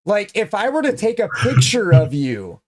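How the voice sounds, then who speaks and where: A man's voice: high-pitched, huge pitch swings, normal speed, a little mellow. A man hosting a livestream, chatting casually and teasing his guest bluntly with lots of swearing. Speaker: livestream host. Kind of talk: casual stream chat.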